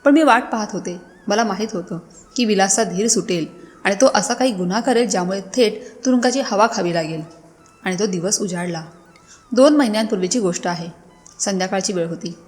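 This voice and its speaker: A woman narrating a first-person family story in a steady, measured way. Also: medium pitch. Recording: long hall reverb.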